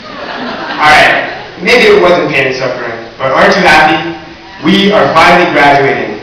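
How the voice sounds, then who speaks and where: A teenage boy gives the valedictorian speech at a normal pace, his higher voice bright and forceful with lively intonation, earnest with a joking touch. Recorded from far off in the audience, the sound is distant and echoey with hiss, in a large hall or gym.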